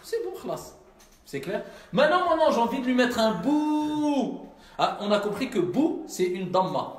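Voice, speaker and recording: High, lively teacher in an echoey room. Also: male voice, normal speed. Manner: patient, repetitive, keeps checking understanding. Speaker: Arabic teacher. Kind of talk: classroom lesson.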